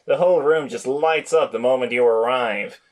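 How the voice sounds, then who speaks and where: A man's voice: medium pitch, moderate pace, natural voice. A man reading the lines of a sarcastic teenage gamer hero, in a mocking tone. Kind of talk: reading a novel aloud with friends.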